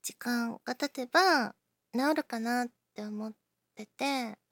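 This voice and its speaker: A woman chatting casually to her listeners, self-deprecating, often dropping into breathy near-whispers while she talks through an injured shoulder. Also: fairly high pitch, slow, a bit bright, dry recording. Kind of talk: casual personal talk to listeners.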